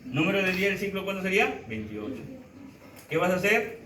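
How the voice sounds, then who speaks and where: A man lecturing a classroom of students, animated and brisk as he counts aloud at the board. His voice is bright and sharp, a little higher than most men's. He sounds off-mic in an echoey room with faint ambience behind him. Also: distant mic, a little hiss or hum. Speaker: teacher.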